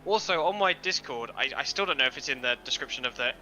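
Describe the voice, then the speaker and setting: Male streamer, casual racing chatter on a headset, sharp bright tone, joking at his own expense. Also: mid-range voice, animated, fast talker, lo-fi sound, a little hiss or hum. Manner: self-deprecating, swears casually. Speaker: streamer and sim racing driver. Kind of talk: casual chat while racing.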